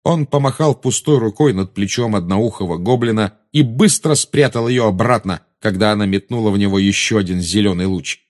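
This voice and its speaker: A man narrating an audiobook in a dramatic, expressive style. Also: lowish voice, brisk, few pauses.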